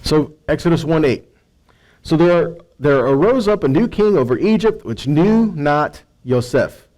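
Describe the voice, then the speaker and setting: An American man teaches from the Bible in a sermon-like way, reading verses and explaining them. His style is conversational, with rhetorical questions and frequent check-in tags like "right" and "okay." His voice is on the high side, expressive and a little mellow at a measured pace, though the recording is rough.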